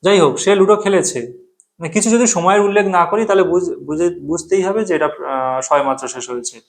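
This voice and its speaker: A man explains English grammar in a patient teaching voice that sits a little high. He repeats his examples and drops to a slow, word-by-word pace when dictating sentences for students to copy.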